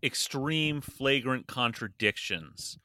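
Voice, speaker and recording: A man's voice: medium pitch, lively intonation, slow, bright, forceful tone, no room sound, clean studio sound. A man co-hosting a casual political chat podcast, blunt and profane, with a sarcastic edge. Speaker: podcast co-host.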